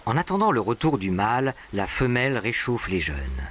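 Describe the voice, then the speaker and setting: Guy narrating a nature doc, scripted, pretty animated pitch, birds and animal noises in the back. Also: moderate pace, slight background noise. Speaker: documentary narrator. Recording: animal and bird sounds behind. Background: birdsong and natural ambience.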